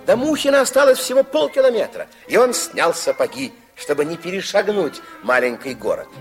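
Narrating a children's fairytale radio play from the 1960s, a man acts the part of a kindly, expressive storyteller with theatrical flair. His high-pitched voice moves briskly over soft background music, building suspense.

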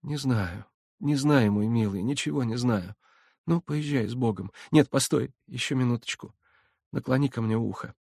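A man reading as a weak, loving young village woman who talks softly and pleads. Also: medium pitch, normal speed, gravelly, husky, no echo, studio quality, voice pushed up. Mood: hushed.

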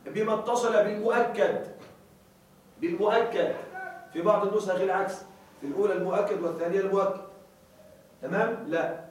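A man with a high voice teaches a grammar class from some way off the microphone, and the big room rings loudly around him. He keeps checking that his students follow and slows down to spell out each example. The recording is very echoey. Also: steady tone, slight background noise. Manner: checks on students with repeated questions, stresses example words. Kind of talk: classroom lesson. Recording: very echoey room, far from mic.

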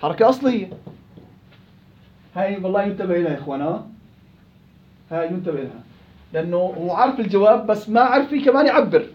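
A man's voice: sits high, lively intonation, fast talker, long pauses, echoey room, muffled recording. A man with a Levantine Arabic accent teaching Quran recitation rules in an interactive class, questioning and prompting his students.

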